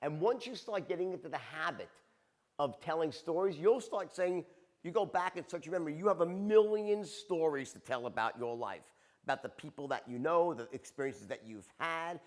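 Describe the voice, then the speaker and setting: A man giving a seminar talk as a sales trainer, animated and tagging his points with "right?" and "okay?". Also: fairly high pitch, normal speed.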